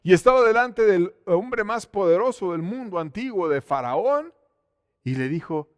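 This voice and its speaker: A pastor delivers an emphatic sermon in a fairly high voice for a man. He rises to loud exclamations, then drops to hushed, intimate asides. The sound is close and dry. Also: expressive, a little slow, dry recording. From Mexico. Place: church.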